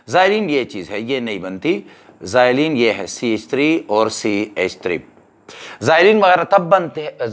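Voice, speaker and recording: A man, giving a chemistry exam-prep lecture and explaining each step while mixing in English terms. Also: medium pitch. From Pakistan. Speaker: chemistry teacher.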